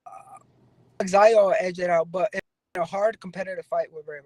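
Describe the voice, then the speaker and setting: A man's voice: high voice, steady tone, moderate pace, dry recording, poor audio. A boxer talking casually over a cell phone from a moving car, his voice glitching and cutting out on a bad connection. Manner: laid-back, says "you know" constantly. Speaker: professional boxer.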